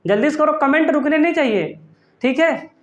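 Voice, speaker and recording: A man's voice: extremely high pitch, expressive, moderate pace, a bit bright, echoey room. A male chemistry teacher giving an online class, playful and teasing, calling his students "beta" and answering his own questions. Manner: calls students "beta" affectionately.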